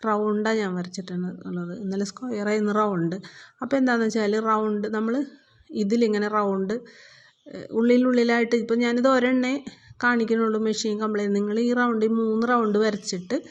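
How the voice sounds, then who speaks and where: A woman's voice: mid-range voice, highs cut off. Woman patiently teaching sewing. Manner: patient, repeats steps, checks in with learners. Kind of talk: step-by-step sewing tutorial.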